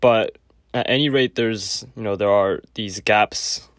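A man giving a casual spoken lecture with a clogged nose, halting often with fillers and restarts. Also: fairly low pitch, a bit bright, dry recording, clean studio sound. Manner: halting, many fillers and self-corrections. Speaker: podcast host.

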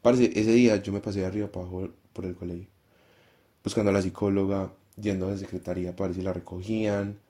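Husky low-voiced Paisa man. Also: level tone, fast, dark tone. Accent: Colombian Paisa. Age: 20s. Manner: acts out dialogue while telling a story. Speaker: guest, primary school teacher. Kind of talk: casual podcast storytelling.

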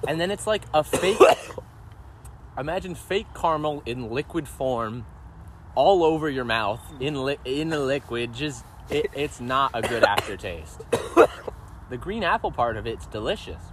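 A man co-hosting a casual podcast chat, playful and quick to laugh. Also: medium pitch, expressive, noisy background. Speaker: podcast co-host.

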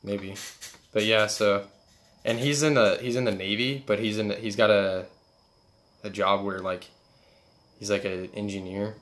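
Young guy shooting the breeze with a buddy, kinda low voice, lots of laughing, echoey room. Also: fairly even intonation, a little slow, pauses often, a bit bright. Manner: laid-back and slangy, laughs often. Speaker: friend chatting. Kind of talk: casual chat. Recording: roomy echo.

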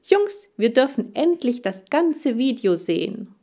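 A woman voicing a cheerful young male hamster in an audiobook, excitable and warm toward his friends. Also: on the high side, unhurried, pitched above the performer's own voice, full character voice. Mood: eager. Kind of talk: audiobook character voice.

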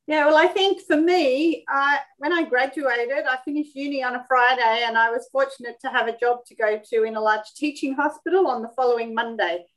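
Australian woman, measured interview talk. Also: high-pitched, rough recording. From Sydney, Australia. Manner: warm, measured, with frequent ums. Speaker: occupational therapist guest. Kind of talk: interview conversation.

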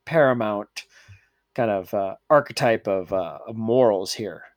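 A man's voice: on the low side, a little slow, lo-fi sound. A man co-hosting a podcast, ranting in casual profane chat and swearing freely. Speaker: podcast co-host.

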